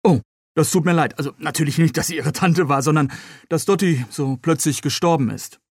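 A man's voice: on the high side, brisk, breathy edge, no room sound, studio quality. A man voicing a young, friendly, helpful man with a dog in a read-aloud novel, cheerful and joking.

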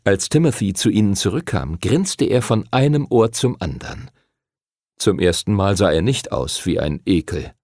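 Male storybook narrator, gravelly and dry, lively intonation. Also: lowish voice, moderate pace, dry recording. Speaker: audiobook narrator. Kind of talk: scripted narration.

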